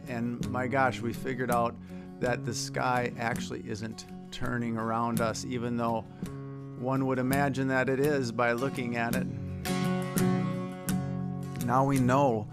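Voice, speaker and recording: Over an online video stream, a singer-songwriter from Minnesota, a guest performer, talks casually as he introduces a song and teaches the audience a sing-along. His voice is gravelly and medium in pitch, with acoustic guitar strumming and tuning in the background.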